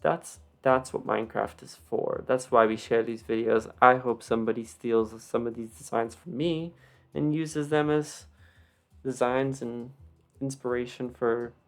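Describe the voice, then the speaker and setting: Slow, creaky voice with a slight retainer lisp. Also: medium pitch, fairly even intonation, faint music behind. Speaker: video creator giving a game build tour. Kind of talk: casual unscripted walkthrough commentary.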